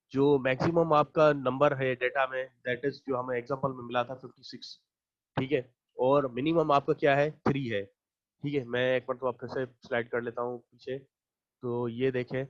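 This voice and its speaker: A man's voice: medium pitch, flat delivery, normal speed, highs cut off. A man teaching an online math class. He explains each step patiently, counts the items aloud and checks in with his students again and again.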